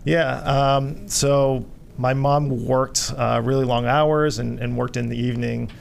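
A man from Vietnam, a company co-founder, answering radio interview questions haltingly with many fillers. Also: medium pitch, steady tone, creaky, a little hiss or hum. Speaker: guest, hotel company co-founder.

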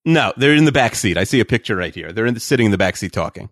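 Rambling man with lively pitch. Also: very fast, no echo, studio quality. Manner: rambling with many fillers. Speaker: podcast co-host. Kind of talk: casual podcast chat.

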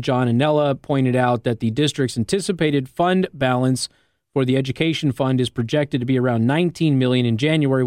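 An American man hosts a talk radio show from a studio, offering opinionated, emphatic commentary in a conversational but argumentative style, with frequent rhetorical check-ins like "okay?". His voice is medium in pitch and darkish, and the recording is dry and of studio quality.

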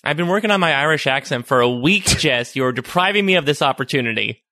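Man co-host, bright forceful tone, wry and joking, dry sound. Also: fairly high pitch, lively intonation, fast, no room sound. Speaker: podcast co-host. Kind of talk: casual recap chat.

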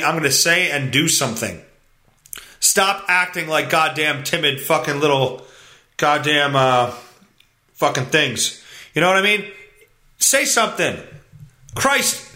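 A man's voice: fairly high pitch, bright, forceful tone, roomy sound. A man hosting a solo podcast, reading news headlines aloud and ranting about them in a blunt, profane, exasperated way. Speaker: podcast host.

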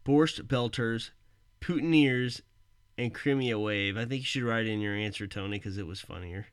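A man's voice: on the low side, moderate pace, clean tone, no room sound. A man hosting a podcast in casual chat, joking and laughing at his own jokes. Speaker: podcast host.

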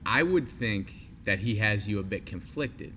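A man's voice: lowish voice, animated, measured pace, a bit bright. A man hosting an interview, chatty and candid, asking questions casually. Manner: chatty and candid, laughs easily. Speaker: podcast host. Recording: noisy recording.

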